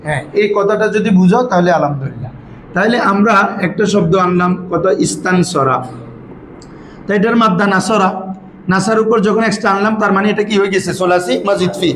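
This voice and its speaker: A man with a high voice leads an Arabic grammar lesson in call-and-response style, firing questions for students to repeat back. He is recorded in an echoey classroom. Faint noise sits behind him. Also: a little fast. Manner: prompts students to repeat answers, calls them "babara". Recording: echoey room with background noise.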